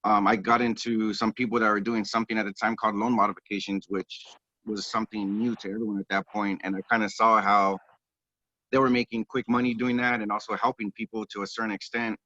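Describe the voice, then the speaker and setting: A man, a real estate agent guest, telling his story in a relaxed, rambling way, heard over a phone speaker on a group call. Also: fairly low pitch, fairly quick. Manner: relaxed, rambling, many ums and restarts. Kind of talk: casual interview storytelling. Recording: dull, dry phone audio.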